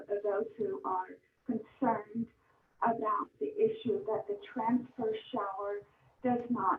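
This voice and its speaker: A woman calling in to a public meeting, speaking with passionate insistence and sharp rises on key points. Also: on the high side, slight background noise. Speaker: caller giving public comment. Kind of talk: phoned-in public comment. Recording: tinny speakerphone line, echoey and distant.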